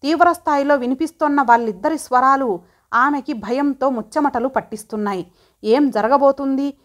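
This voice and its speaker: A woman narrating an audiobook story in an expressive, dramatic way. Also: high-pitched.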